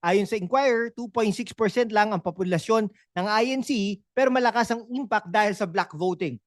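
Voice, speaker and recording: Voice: mid-range voice, moderate pace, no echo, clean studio sound. A host with a Filipino accent giving political commentary on a vlog, sarcastic and full of rhetorical questions and tag questions. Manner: conversational, with frequent tag questions.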